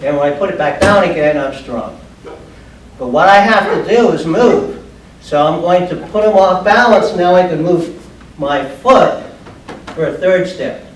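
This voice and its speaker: A man's voice: high-pitched, measured pace. An older man, in his sixties or so, giving an instructional martial arts demonstration in short, plain, step-by-step phrases. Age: older, about 60s. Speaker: judo instructor. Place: large bare padded indoor training room. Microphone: distant camera microphone. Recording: echoey room, far microphone, background noise.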